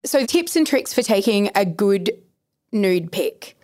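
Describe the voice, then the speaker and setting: A woman's voice: medium pitch, animated, slow pace, darkish tone, no room sound. A woman with a Queensland Australian accent hosting a casual, candid chat in a playful, frank manner. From Brisbane, Australia. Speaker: podcast host interviewing a guest.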